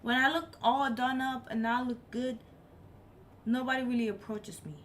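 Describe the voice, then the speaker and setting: On a live stream, a woman chats casually in a fairly high, steady, slightly bright voice at a moderate pace, with a little hiss or hum in the audio. She isn't a native English speaker; English is her third language, and she repeats herself for emphasis.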